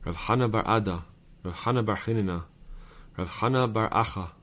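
A man reciting a long list of names in a steady, list-like rhythm. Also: lowish voice, a little fast. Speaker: reader.

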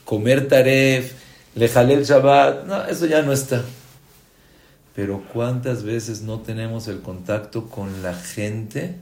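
A man's voice: takes it slowly, darkish tone, roomy sound. A man giving a sermon as a rabbi, telling stories and acting out dialogue, with Hebrew religious terms mixed into his speech. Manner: storytelling, acts out dialogue with big pitch swings. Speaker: rabbi teaching a class.

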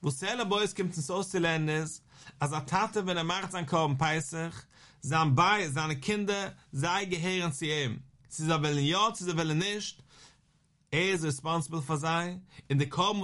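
A man giving a Talmud lesson, reading the source aloud and explaining it line by line, slowing into a sing-song when he quotes a verse. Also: fairly high pitch, a bit bright. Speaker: Talmud teacher.

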